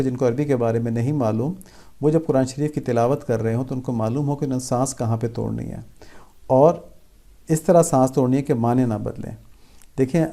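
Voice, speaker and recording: A man's voice: medium pitch, warm tone. A man giving a patient religious lesson, explaining step by step and repeating key phrases for emphasis. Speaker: religious teacher. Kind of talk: religious instruction talk.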